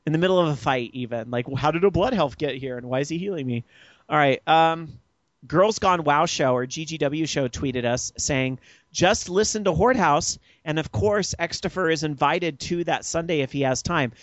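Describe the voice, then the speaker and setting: Man, podcast host, chatty and quick to laugh, slightly high voice, dry lo-fi recording. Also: no room sound. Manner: chatty, laughs easily, reads listener tweets. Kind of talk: casual gaming podcast chat.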